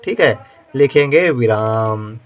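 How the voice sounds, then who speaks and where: A man teaching how to write words, slowly sounding out each syllable and repeating words like dictation. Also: mid-range voice, expressive, muffled recording. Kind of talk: slow dictation-style writing lesson.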